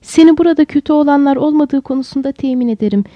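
A woman voicing a gentle young woman who speaks in a soothing, kindly way. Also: sits high, fast talker, no room sound, natural voice. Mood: reassuring. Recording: dull lo-fi dry recording.

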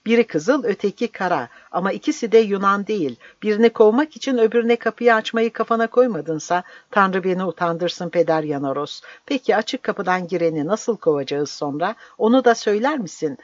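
A narrator voicing a frail, fearful old village healer who shouts agitated questions. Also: mid-range voice, animated, a little fast, hardly any pauses, no room sound, lo-fi sound, pitched above the performer's own voice, lightly acted.

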